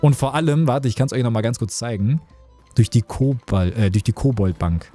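A man's voice: mid-range voice, moderate pace, mellow, faint music behind. A young man streaming a tavern game, chatting casually with his chat, joking and reading out messages.

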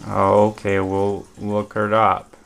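A father at the breakfast table at home, gently asking his children encouraging questions, picked up by a home video camera on the table. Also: on the low side, completely flat delivery, slow, vocal fry. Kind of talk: casual family chat.

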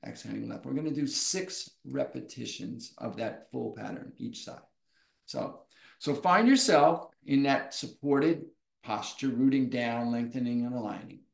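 A man teaching a yoga class, guiding breathwork in slow, soft, inviting phrases. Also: medium pitch, gravelly, roomy sound. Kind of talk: guided yoga breathwork instruction.

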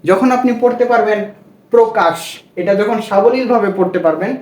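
A man with a high voice leads a classroom-style lesson, spelling words letter by letter and repeating them in a patient drill. He keeps asking rhetorical questions, and the room gives his voice a roomy echo. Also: brisk, a little mellow. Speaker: Bengali language teacher.

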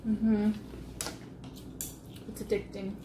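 A young woman with her mouth full of noodles, giving short, quiet replies in a casual chat over a meal at home. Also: medium pitch, monotone, extremely slow. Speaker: guest, daughter. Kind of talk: casual chat while eating. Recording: echoey room with background noise.

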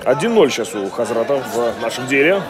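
A man's voice: mid-range voice, big pitch swings, fairly quick, over music. A man commentating live on a fight as one of a broadcast pair. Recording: clear crowd noise behind.

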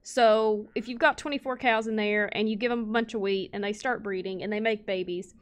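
A woman's voice: medium pitch, steady tone, fairly quick. A young woman hosting a casual let's play, chatting playfully to viewers and to the animals in her game. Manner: chatty, talks to cows and viewers, playful exclamations. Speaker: gaming channel host.

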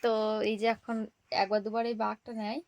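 Fast-talking young Bengali mother vlogging. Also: fairly high pitch, flat delivery, gravelly, no room sound. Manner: chatty, addresses viewers as friends, frequent fillers. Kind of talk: casual daily vlog narration.

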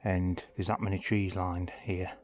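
A travel vlogger with a deep voice, flat delivery, and measured pace offers casual, informal commentary, thinking aloud as he walks around a village churchyard outdoors.

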